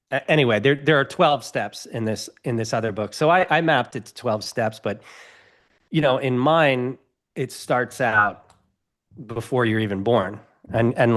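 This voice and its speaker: A middle-aged man, a guest on a podcast, talking earnestly and expansively in a casual interview. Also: mid-range voice. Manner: earnest, expansive, gestures while explaining.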